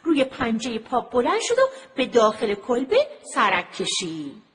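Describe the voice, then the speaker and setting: Lively woman telling a children's story. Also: a little high. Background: music.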